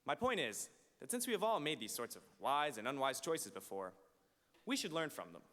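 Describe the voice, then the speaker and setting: In a big reverberant hall, a teenage male valedictorian delivers a podium speech. His voice is bright and fairly high, with deliberate emphasis. He speaks through a stand microphone to mark a graduation. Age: late teens. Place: large auditorium stage.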